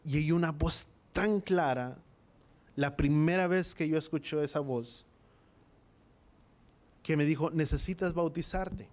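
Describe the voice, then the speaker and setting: A man preaches to a church congregation, telling his own story of faith. His voice sits a little high for a man, and he acts out the dialogue of his memories with earnest feeling. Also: a little slow, pauses often, a little mellow. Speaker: preacher giving a testimony. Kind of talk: sermon testimony.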